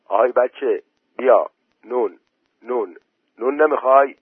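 A man's voice: medium pitch, animated, husky, dry recording, voice pushed up. A man voicing a practical village man who coaxes and gives firm orders. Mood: coaxing. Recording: tinny phone-like voice message.

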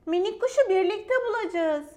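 Bright, reassuring little striped creature from a storybook, voiced by a woman narrator. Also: very high voice, expressive, moderate pace, pitched above the performer's own voice. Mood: eager. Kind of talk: storybook character voice.

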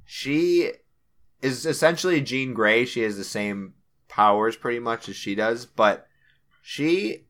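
Bright-toned man rambling on a podcast. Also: medium pitch, expressive, slow. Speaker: podcast co-host. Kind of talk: casual chat.

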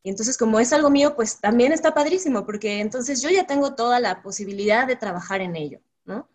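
A woman in casual conversation, reasoning aloud in a thoughtful, measured way. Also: fairly high pitch.

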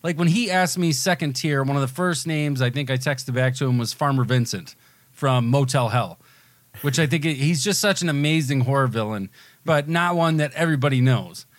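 A podcast co-host rambles enthusiastically in casual conversation, frequently starting his sentences over. His voice sits at medium pitch with a moderate pace, and there's no echo.

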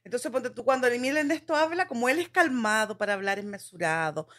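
A middle-aged woman with a Chilean accent, co-hosting a podcast in casual chat, talking fast and laughing often. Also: on the high side, expressive, fairly bright tone. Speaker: podcast co-host.

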